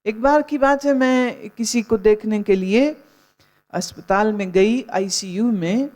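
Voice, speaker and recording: A woman's voice: medium pitch, takes it slowly, a little mellow. A woman spiritual teacher giving a sermon, telling stories in a conversational way and mixing in English phrases. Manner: storytelling, mixes in English phrases.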